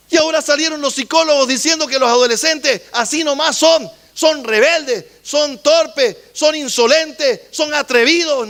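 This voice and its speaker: High-voiced man preaching a sermon. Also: gravelly, fairly bright tone. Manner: preaching, repeatedly addressing the congregation. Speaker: pastor.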